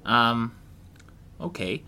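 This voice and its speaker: A man's voice: mid-range voice, lively intonation, drawn-out words, bright, forceful tone. Laid-back joking male podcast host. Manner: laid-back, jokey, says "nice" a lot. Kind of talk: casual podcast interview.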